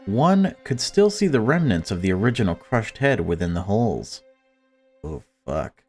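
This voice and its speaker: Here a man with a lowish, darkish-toned voice reads through a visual novel as a let's-player, his pitch swinging broadly at a moderate pace. Faint music sits underneath his narration and his informal, profane reactions.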